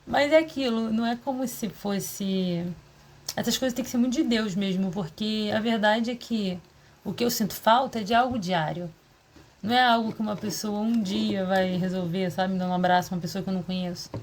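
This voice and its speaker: A woman talking casually in a diary vlog, confessional and rambling, with quick asides to herself. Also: mid-range voice. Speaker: vlogger.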